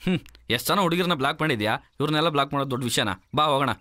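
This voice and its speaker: A man's voice: fairly high pitch, very fast, sharp tone, dry recording. An actor playing a joking young male friend who banters with his pals. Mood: bantering. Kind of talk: film acting.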